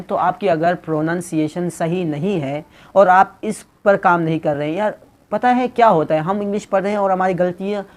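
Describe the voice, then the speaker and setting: A man's voice: high-pitched, darkish tone. A man teaching English pronunciation in a casual video lesson, joking and teasing his viewers as he explains, and dropping English phrases into his talk.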